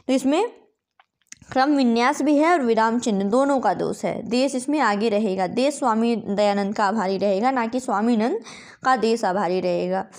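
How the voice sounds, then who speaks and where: A woman tutor going through quiz answers, patiently spelling out words letter by letter and checking in with "okay" often. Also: high-pitched. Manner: patient, repeats "ठीक है" often. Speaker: Hindi exam tutor.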